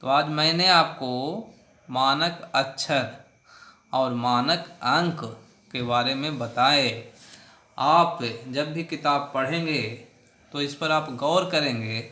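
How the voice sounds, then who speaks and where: A man giving a slow, deliberate lesson as a teacher, showing how letters and numerals should be written. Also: mid-range voice, pushed and bright, reverberant. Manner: slow, deliberate instructional delivery. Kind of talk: handwriting lesson.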